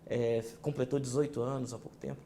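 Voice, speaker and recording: A man's voice: medium pitch, little pitch movement, fairly quick, warm tone. A man in his fifties hosts an interview with a mid-range voice. He talks conversationally and opens his questions with a hesitant "é", while faint background noise sits under the voice. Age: 50s. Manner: conversational, leading with filler "é". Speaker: TV interview host.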